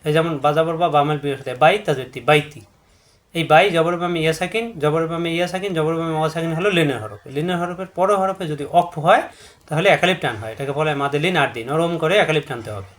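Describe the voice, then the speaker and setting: Patient man teaching tajweed, higher voice. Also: quick pace, fairly bright tone. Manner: patient, repetitive, drawing out syllables to demonstrate. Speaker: Quran recitation teacher. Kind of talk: step-by-step tajweed lesson.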